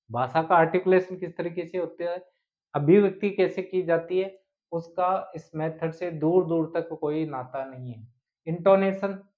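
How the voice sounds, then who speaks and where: A male teacher giving an explanatory exam-prep lecture, often asking rhetorical questions. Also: high voice. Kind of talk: exam-prep lecture mixing Hindi and English. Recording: tinny phone-like sound.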